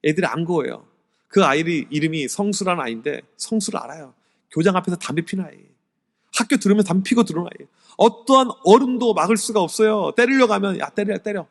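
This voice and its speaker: Animated pastor in a reverberant hall. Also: male voice, high-pitched, fast talker, vocal fry. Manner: animated storytelling, swings from loud to hushed. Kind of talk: sermon-style teacher seminar lecture. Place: church sanctuary. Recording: long church hall reverb.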